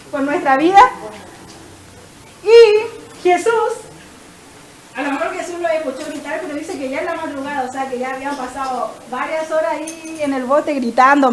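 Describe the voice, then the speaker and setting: A woman preaching a lively sermon, acting out the story and directing the congregation. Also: very high voice, slight background noise, low-quality recording. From Chile. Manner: animated storytelling, directing the congregation, laughs often.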